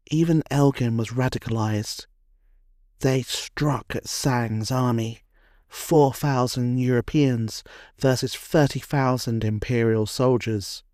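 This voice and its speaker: A man narrating a history documentary from a script, in a measured, dramatic storytelling cadence. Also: mid-range voice, darkish tone, dry recording, studio quality.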